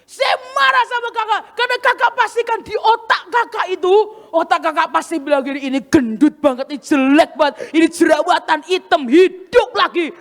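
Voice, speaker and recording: Female preacher voicing a tearful young woman dancer: high, hurt, accusing; hall reverb. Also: fairly quick, hardly any pauses. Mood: aggrieved. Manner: high, aggrieved, insistent.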